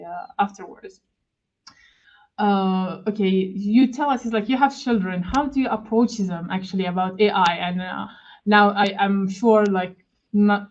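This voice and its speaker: A woman's voice: mid-range voice, darkish tone, lo-fi sound. A woman hosts an interview over a video call and sets up her questions at an easy pace. She hesitates often, filling gaps with "uh" and "actually" as she frames each question for her guest. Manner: hesitant, leaning on fillers and "actually". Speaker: podcast host. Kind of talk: casual interview conversation.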